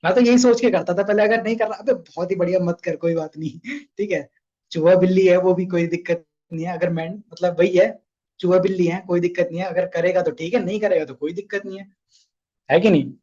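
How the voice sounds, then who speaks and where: High-voiced young man coaching sales. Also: fairly even intonation, fairly quick, dark tone, lo-fi sound. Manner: chatty, coaxing, asks the audience questions. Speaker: sales trainer. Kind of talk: casual online training session.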